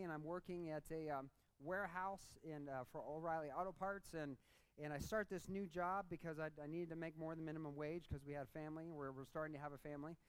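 A man preaching a sermon with passion and repeated phrases, then telling a personal story in a relaxed, chatty way. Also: on the high side, clear, resonant tone, low-quality recording. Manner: impassioned preaching that turns into casual storytelling; repeats phrases for emphasis, rising and dropping in force. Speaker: pastor.

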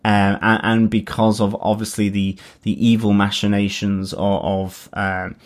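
A man's voice: fairly low pitch, little pitch movement, measured pace. A man, co-hosting a casual chat and working through his thoughts with many restarts. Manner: hesitant, restarts often, thoughtful. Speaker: podcast co-host.

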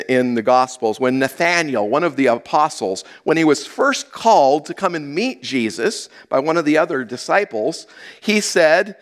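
A man preaching a teaching sermon, moving between loud emphasis and hushed asides. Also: mid-range voice. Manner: teaching verse by verse, dramatic swings from loud to hushed. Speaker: pastor.

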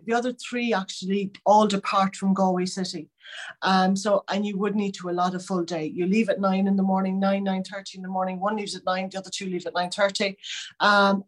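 A woman from Connemara with a west of Ireland accent, giving chatty, detailed interview answers as a local tour guide. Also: mid-range voice.

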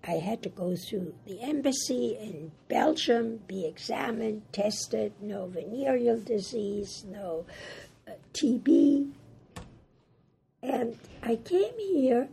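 An older woman who grew up in Germany, speaking English as a second language, recounts her life in an oral history interview in a raspy, hoarse voice, halting and plain. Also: on the high side, animated, mellow, slight background noise. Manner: halting, plain-spoken, repeats words. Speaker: Holocaust survivor interviewee.

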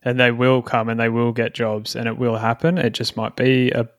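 A man's voice: medium pitch, fairly even intonation, normal speed, no room sound, studio quality. Easygoing male podcast host. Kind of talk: interview questions.

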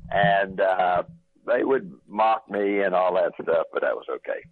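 A man's voice: sits low, unhurried. A man, a pastor guesting on a call-in radio show, telling stories emphatically with some uh fillers, heard over the phone. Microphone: telephone. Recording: tinny phone line.

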